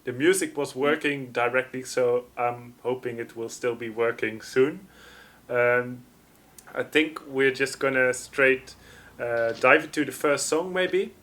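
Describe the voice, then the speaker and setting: A man's voice: medium pitch, measured pace, a bit bright. A man hosting a live music stream, chatting loosely and reading out viewer comments. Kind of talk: casual livestream chat.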